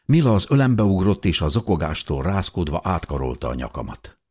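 A man reading a first-person audiobook in a steady, measured way. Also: low voice, breathy edge. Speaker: audiobook narrator.

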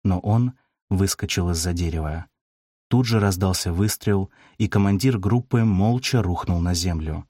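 Male audiobook narrator, deep and husky, steady measured delivery. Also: no echo, studio quality. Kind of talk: scripted narration.

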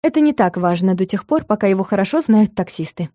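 A young office worker answers in short, cold, clipped phrases, as a woman narrating an audiobook gives her the lines. The voice is dark and mellow, recorded close and dry. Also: fairly high pitch, expressive, a little fast, no echo. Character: irritated young female office employee.

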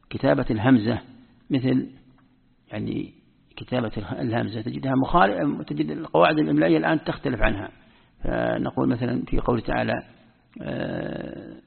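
An Islamic scholar patiently teaches the rules of Quran script, repeating key words as he explains them. His voice is medium-pitched, gravelly, and a bit breathy, heard through tinny phone-like audio in a reverberant hall.

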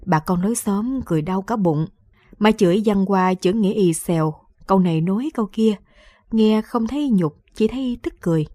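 Woman reader, mellow tone, dry close studio sound, wry radio storytelling. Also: mid-range voice, dry recording. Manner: lively storytelling, wry and conversational. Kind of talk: scripted first-person story narration.

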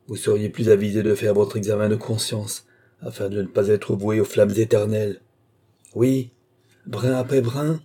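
Brief: fanatical male workman, menacing preacher of doom, dark husky tone, as a male reader puts him on. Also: on the low side. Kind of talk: audiobook reading.

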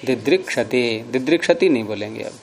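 A man teaching a grammar lesson, repeating word forms slowly and explaining rules step by step. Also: medium pitch, lively intonation, vocal fry, slight background noise.

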